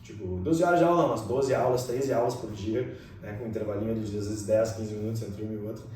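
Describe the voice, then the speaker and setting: Fast-talking man in echoey room. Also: on the low side, dark tone, far from the mic. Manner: fast-talking, many tag questions. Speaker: English pronunciation teacher. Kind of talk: casual conversation.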